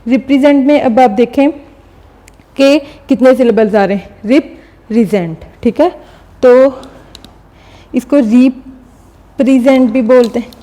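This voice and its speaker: A woman teacher explaining a recorded lesson step by step, often pausing to check understanding. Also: high-pitched, mellow. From Pakistan. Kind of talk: recorded classroom lecture.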